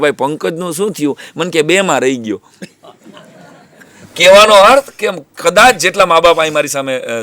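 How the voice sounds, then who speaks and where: A man, a teacher speaking to students and parents, telling anecdotes in a lively storytelling way. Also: on the high side, dry recording. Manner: lively storytelling, drops to a hush when acting out whispers.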